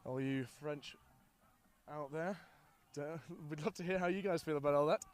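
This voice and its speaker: A young man doing chatty live rugby commentary from beside the pitch, laughing often as he talks. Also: moderate pace.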